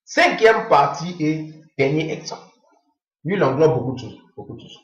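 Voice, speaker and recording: Animated man in an echoey room. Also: moderate pace, muffled recording. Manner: animated, acts out phone calls in low muttered voices. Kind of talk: comic monologue.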